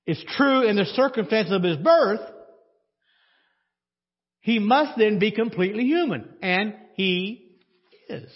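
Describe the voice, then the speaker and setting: A man's voice: high-pitched, lively intonation, takes it slowly, pauses often. A male pastor preaching a sermon in a conversational way, asking the congregation questions and adding dry sarcasm. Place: church sanctuary. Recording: dull audio with long church reverb.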